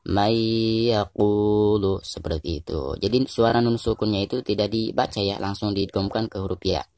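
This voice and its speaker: Low-voiced Indonesian man teaching recitation. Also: a little mellow, no echo, studio quality. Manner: patient, repetitive explaining, slows to drawn-out chanted examples. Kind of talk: tajwid lesson with recited examples.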